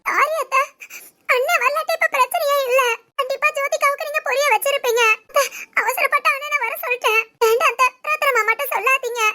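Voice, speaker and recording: A woman voicing a young pregnant woman in an animated family drama, pleading and apologetic. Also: very high voice, fairly quick.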